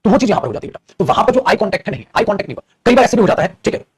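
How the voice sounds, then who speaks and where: Husky-voiced teacher, fast. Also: male voice, high-pitched, big pitch swings, dry recording, studio quality. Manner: explains patiently, keeps calling students "beta". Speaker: English teacher. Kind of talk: teaching a class.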